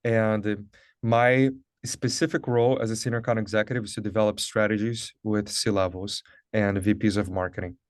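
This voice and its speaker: His voice sits on the low side, with a flat delivery at normal speed, in a dry, clean studio recording. He's a man from Brazil in his thirties, a native Portuguese speaker, being interviewed conversationally over a video call, in webinar style, about his career, upbeat and earnest with frequent "like" and "uh."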